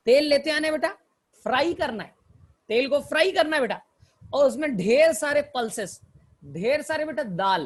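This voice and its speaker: A male teacher giving a botany lecture through mnemonic stories, who keeps calling his students "beta" and asks and answers his own questions. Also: extremely high pitch.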